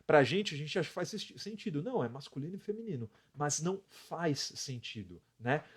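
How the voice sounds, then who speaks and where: A man's voice: fairly high pitch, very animated, fairly quick, breathy edge. A Brazilian man teaching English on a live stream, explaining step by step, counting out letters and often adding a tag question. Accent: Brazilian Portuguese.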